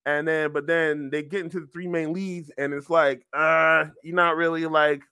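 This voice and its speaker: A man's voice: on the high side, flat delivery, moderate pace, sharp tone, smooth, no echo, studio quality. A man giving a casual movie review, rambling with restarts and slang.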